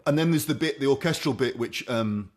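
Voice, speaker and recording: A man's voice: medium pitch, brisk. A middle-aged man co-hosting a podcast, chatting casually in a rambling, self-interrupting way and laughing easily. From England. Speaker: podcast co-host. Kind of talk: casual chat.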